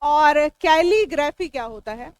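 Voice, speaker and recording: A woman with a high, animated voice and an Indian English accent lectures at a measured pace, captured in a dry recording. She takes each word apart, walks through its meaning step by step, and replies to her students as she goes.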